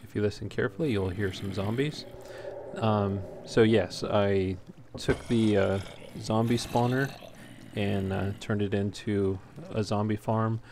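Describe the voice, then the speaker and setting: In a noisy home recording with clear background noise, a man narrates his gameplay casually and without a script. He hesitates slightly, and his voice is lowish, steady in tone, and a little slow.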